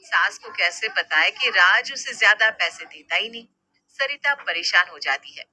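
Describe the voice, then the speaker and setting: Bright, dry woman narrating a story. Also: mid-range voice, animated, moderate pace, dry recording.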